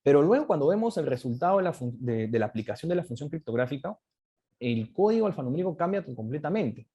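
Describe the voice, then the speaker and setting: Husky man giving a lively lecture. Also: on the high side, quick pace. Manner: explanatory, often ends points with a tag question. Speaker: guest speaker on crypto economics. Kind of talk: lecture presentation with slides.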